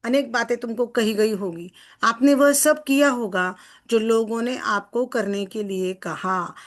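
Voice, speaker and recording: A woman success coach explaining a text to a group in a chatty way, often asking listeners for agreement and slowing down to read passages aloud. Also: on the high side. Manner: chatty, asks listeners for agreement with tag questions; slows down when reading passages aloud.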